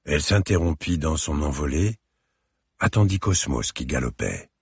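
A man narrating a story in an expressive, measured reading with a gravelly, husky voice, in a dry close recording. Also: rumbling low, dry recording. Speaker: audiobook narrator. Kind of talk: scripted narration.

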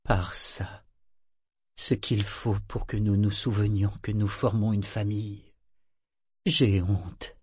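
A man reading the part of a stern older grandmother who speaks gravely and in measured tones, with a dry, close sound. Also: on the low side, steady tone, darkish tone, dry recording. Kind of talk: audiobook character reading.

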